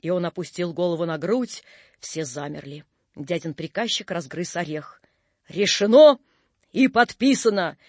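High-voiced man reading a story. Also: normal speed, no room sound. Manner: expressive, theatrical. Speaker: narrator.

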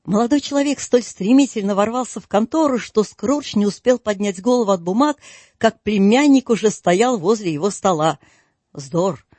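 A man narrating an audiobook in a measured storytelling manner. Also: high-pitched, a little mellow, no room sound. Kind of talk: audiobook reading. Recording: dry close studio sound.

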